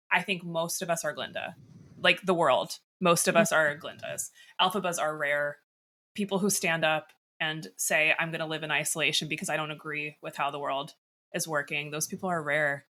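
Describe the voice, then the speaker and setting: A woman's voice: sits low, pushed and bright. A woman talking as a podcast guest in an earnest, thoughtful way, often saying "like". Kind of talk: casual discussion.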